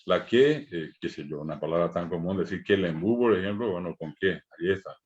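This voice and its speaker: A middle-aged man with a Paraguayan Spanish accent teaching a language class, patiently repeating example words, often pausing on "eh". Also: low-pitched, animated, darkish tone, muffled recording.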